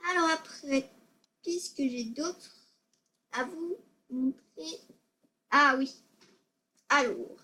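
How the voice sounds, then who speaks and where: A woman's voice: high voice, drawn-out words, long pauses, pushed and bright. A female gaming video maker giving casual tutorial commentary, hesitant and self-conscious, often stammering and repeating words.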